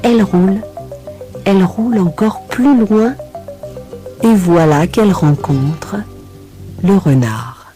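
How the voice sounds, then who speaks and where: Slow, expressive woman telling a tale. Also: medium pitch, over music. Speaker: teacher reading a story. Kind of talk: children's story narration.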